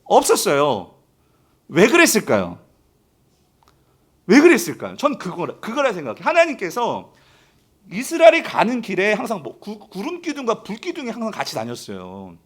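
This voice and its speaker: Man, pastor, sermon, high-pitched, very lively delivery, rhetorical questions. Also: normal speed, breathy edge. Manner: animated preaching with rhetorical questions to the congregation; acts out the people's complaints in quoted voices.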